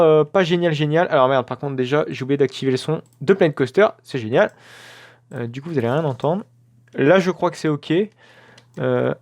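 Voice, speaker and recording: A man with a fairly high voice commentates his gameplay in a loose, casual way. He talks to his viewers directly into a desk microphone, pausing often to correct himself. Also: creaky. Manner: chatty, self-correcting, frequent filler sounds. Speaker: let's play host.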